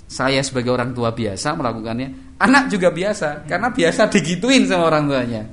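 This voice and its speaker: Speaking briskly in a fairly high, animated, slightly bright voice, a middle-aged Javanese-accented preacher delivers a conversational religious study lecture. He performs quoted everyday dialogue in altered voices and repeatedly says "kan itu" as a tic. There's a little hiss or hum in the recording.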